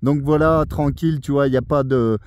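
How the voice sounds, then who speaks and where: Speaking at a moderate pace in a mid-range, slightly mellow voice with fairly even intonation, a ham radio operator chats amiably from a mountain at night. He talks into a handheld radio mic with no echo and ends with courteous sign-offs.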